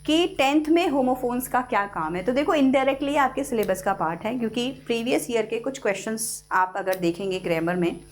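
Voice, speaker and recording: Indian woman English teacher, high voice, patient step-by-step online lesson. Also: animated, normal speed, hardly any pauses. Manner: explains step by step, repeats key words, addresses students as kids. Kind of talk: online class lecture.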